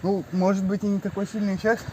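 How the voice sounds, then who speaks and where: A man's voice: high-pitched, flat delivery, fast talker, very noisy. A man chatting casually and informally with a companion outdoors by the water during a fishing trip. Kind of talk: casual chat.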